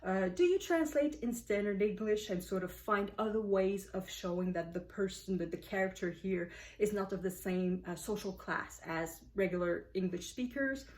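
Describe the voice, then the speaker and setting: A woman's voice: medium pitch, normal speed, few pauses, a little mellow. Female book vlogger, casual review talk, explanatory, lots of fillers. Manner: thoughtful, explanatory, frequent uh and um fillers.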